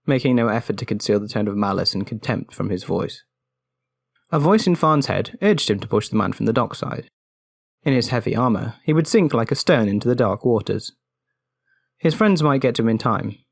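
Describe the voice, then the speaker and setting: A man reading scripted game lore aloud as a volunteer narrator, in a steady, even storytelling manner. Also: on the low side, creaky, dry recording, clean studio sound. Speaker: volunteer reader.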